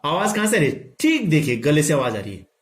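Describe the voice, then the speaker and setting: A man teaching a pronunciation lesson to students, saying each sound slowly and repeating it for them to echo. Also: on the high side, sing-song. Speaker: Hindi teacher. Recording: echoey room.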